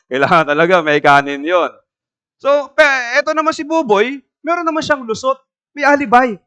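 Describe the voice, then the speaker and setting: A man's voice: sits high, sharp tone, clean tone. A man preaching a sermon in a church, asking the congregation questions and telling a homely story. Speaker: pastor.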